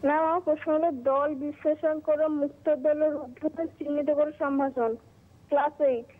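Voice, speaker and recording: A woman's voice: high voice, fairly even intonation, fairly quick. A woman student calling in to ask a question, reading it out plainly. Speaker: student caller. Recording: tinny phone line.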